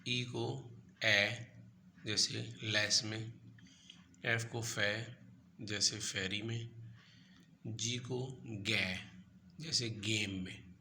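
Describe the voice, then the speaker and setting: A man gives a patient lesson and spells each letter out carefully. He talks slowly in a lowish, bright voice. Faint noise hums behind him. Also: fairly even intonation. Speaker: language teacher. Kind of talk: lesson narration over a chart.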